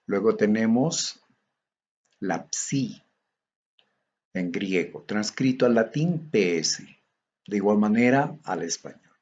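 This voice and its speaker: A man from Bolivia giving a recorded theology lecture, going methodically through tables of Greek letters in a slow, measured way. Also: fairly low pitch, expressive, a little mellow.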